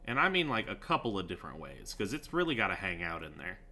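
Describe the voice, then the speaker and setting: Dude narrating his game, super bright voice, bouncy pitch, goofy sarcastic chatter. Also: sing-song, fast talker. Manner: joking, sarcastic, lots of fillers. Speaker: gaming YouTuber. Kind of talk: casual gameplay commentary.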